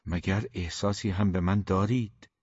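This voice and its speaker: A man's voice: deep voice, fairly even intonation, a little mellow, slightly rough, no room sound. A man reading a weary, brooding man. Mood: subdued. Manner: subdued, hesitant. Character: weary, withdrawn grown man, timid and brooding. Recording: dull, dry, lo-fi recording.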